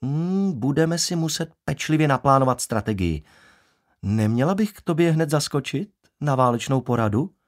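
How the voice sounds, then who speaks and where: A bold, flirtatious woman colleague, put on by a male audiobook reader, teasing and brazen. The voice rides high and lively, with plenty of movement in the pitch. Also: close to an everyday voice. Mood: scheming. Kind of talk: audiobook character voice.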